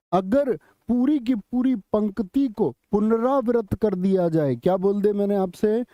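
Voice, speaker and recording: A man teaching an exam-prep class online, quizzing students with repeated questions and slowly chanting lines of poetry. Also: a little high, mellow, no room sound, dull audio. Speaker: Hindi teacher.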